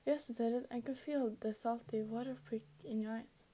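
A woman's voice: fairly high pitch, fairly even intonation, normal speed, mellow, soft background music. A woman casually reading a fan story aloud, chatty, with frequent slips and restarts. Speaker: fan fiction reader.

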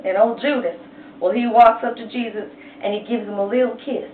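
Playful, chatty woman art teacher; higher voice, distant tinny recording. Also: fairly quick, a little hiss or hum. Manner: chatty, playful, retells story in slang. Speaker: painting teacher. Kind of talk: casual art lesson with storytelling. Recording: echoey, tinny, far from mic.

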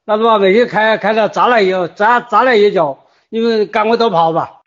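A man's voice: high voice, brisk, fairly bright tone. An older man with a Wuhan accent, distraught and agitated, speaking insistently and repeating himself in informal voice messages. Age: older, near retirement. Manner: agitated, insistent, repetitive pleading and warning. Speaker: resident leaving voice messages in a group chat. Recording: muffled lo-fi phone voice messages.

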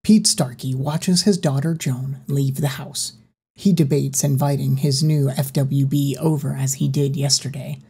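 Woman narrator for a horror audiobook: low, husky, even and unhurried.

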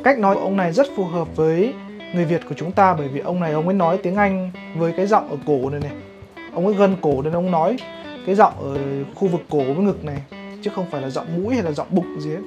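Woman from vietnam, pronunciation teacher, explanatory vlog, lowish voice, guitar music behind. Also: dull audio. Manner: explanatory, measured, with fillers. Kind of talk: vlog lesson commentary.

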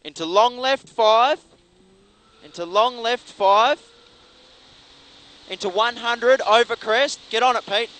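A man co-driving in a rally car, calling rapid pace notes in urgent, clipped, repeated bursts. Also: very high-pitched, a bit bright. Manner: urgent, clipped, repetitive calls. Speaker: rally co-driver. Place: inside a moving rally car. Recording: in-car recording with clear vehicle noise.

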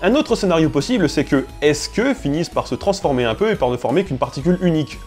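A young man hosts an educational video about language, talking quickly with a tone that jumps up and down a lot. He slips in ironic, teasing asides between his explanations. Faint music plays underneath. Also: a little high. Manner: lively, ironic, playful asides. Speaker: linguistics video host.

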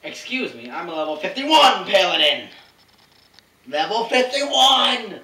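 A man's voice: high-pitched, lively intonation, fairly quick, sharp tone, distant mic, exaggerated voice. A young man playing an indignant nerdy fantasy gamer in an amateur comedy sketch, emphatic and melodramatic. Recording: echoey home room, off-mic, faint noise.

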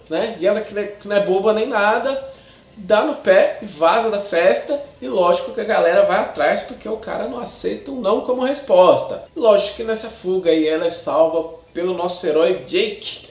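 A Brazilian man in his thirties chattily reviewing a film to camera in slangy, casual speech with frequent tag questions. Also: high voice. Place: small indoor room with shelves of discs. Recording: echoey untreated room.

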